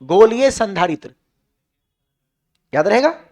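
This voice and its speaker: Male physics tutor with a Bihari accent and a very high voice, quizzing students out loud. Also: expressive, slow pace. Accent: Bihari Hindi. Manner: questions the class and answers himself, drills points. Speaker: physics teacher. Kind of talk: classroom lecture.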